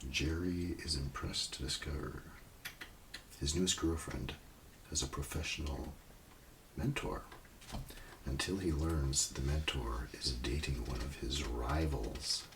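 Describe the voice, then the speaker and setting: A man rambles and murmurs through a casual ASMR roleplay, low-key and unhurried, at times nearly whispering. His tone is steady, but the mic is distant and the background is noisy.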